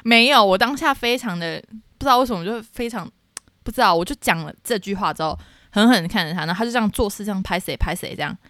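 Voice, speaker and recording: A young woman tells a story on a casual podcast. Her pitch swoops up and down all the time, and she shouts out quoted lines. The sound is close and dry. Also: fast talker, no echo. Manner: animated, dramatic retelling with shouted quotes. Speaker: podcast co-host.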